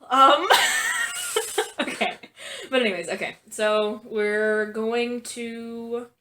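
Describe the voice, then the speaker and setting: A woman's voice: a little high, sing-song, very slow, pushed and bright. A young woman from Texas co-hosting a podcast in casual chat, giggling and swearing freely. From Texas, USA. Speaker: podcast co-host. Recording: faint background noise with clicks.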